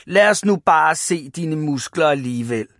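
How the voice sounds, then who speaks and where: A man's voice: a little high, animated, fairly bright tone, dry recording, clean studio sound. A man voicing mocking big schoolboys who tease a smaller boy. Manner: jeering, mocking.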